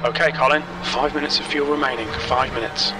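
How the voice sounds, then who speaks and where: A calm racing spotter on terse pit radio. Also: male voice, medium pitch, brisk. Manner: clipped, flat callouts of gaps, fuel and traffic. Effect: terse pit radio call. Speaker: race spotter and crew chief. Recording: distant voice over loud engine noise. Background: race car engine roar.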